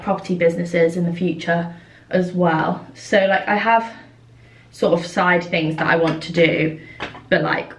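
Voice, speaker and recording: Chatty woman, roomy distant sound. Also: fairly low pitch. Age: 20s. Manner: chatty, with frequent fillers. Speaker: vlogger. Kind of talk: casual chat while doing makeup.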